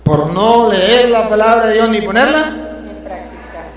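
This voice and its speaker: A priest preaching a sermon, emphatic and dramatic, firing off rhetorical questions and reciting verse with feeling. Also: male voice, high voice, a little slow. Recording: very echoey hall with faint hum.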